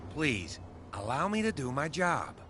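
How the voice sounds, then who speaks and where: An actor playing a curt police officer who brushes people off, speaking in a brusque, dismissive way, heard as game audio. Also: male voice, fairly high pitch, big pitch swings, a little slow, noisy background.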